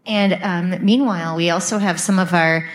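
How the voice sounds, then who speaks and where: A woman with a fairly low voice hosts a casual live podcast interview. She talks haltingly, breaking off and restarting as she goes. Faint room noise sits behind her. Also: fairly even intonation. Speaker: podcast host.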